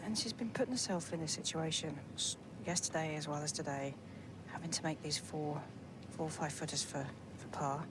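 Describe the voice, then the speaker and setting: A woman with a low voice works as a golf commentator, talking through shots in an analytical, conversational way. She thinks aloud as she explains. Clear outdoor ambient noise sits behind her. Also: moderate pace.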